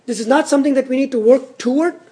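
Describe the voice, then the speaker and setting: A pastor delivers an expository sermon with a dark, mellow, somewhat husky voice. The delivery is earnest and teacherly, and key words are repeated for emphasis. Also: high-pitched, fast.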